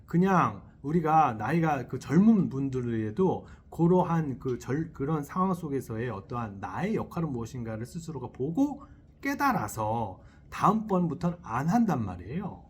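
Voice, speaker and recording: This man is a Buddhist monk preaching a dharma talk in a temple hall, keeping it lively by checking in with listeners, quizzing them, and chuckling while playing out inner voices. His medium-pitched voice comes through a selfie-style camera with slight background noise.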